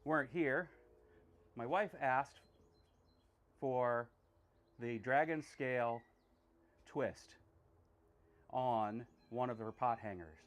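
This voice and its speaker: Man, casual livestream blacksmith, rambling self-deprecating patter, lots of fillers, mid-pitched voice, workshop. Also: takes it slowly, long pauses. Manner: chatty, self-deprecating, thinks aloud with many fillers. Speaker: blacksmith streamer. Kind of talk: casual talk while working.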